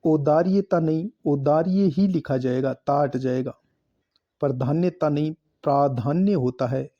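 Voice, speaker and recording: A man teaching a spelling lesson for exam prep, slowly repeating each word and marking it correct. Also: a little high, warm tone, muffled recording.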